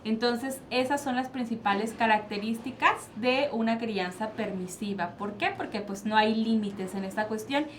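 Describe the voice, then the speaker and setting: Speaking a little high at normal speed and hardly pausing, the Mexican-accented psychologist walks the panel through parenting styles. She asks her own questions and answers them, against faint background noise.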